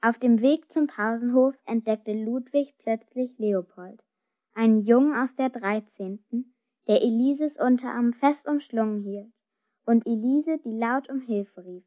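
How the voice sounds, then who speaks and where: Brief: woman narrator with an expressive storytelling manner, muffled audio. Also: fairly high pitch, unhurried. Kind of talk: storybook reading. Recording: dull lo-fi recording.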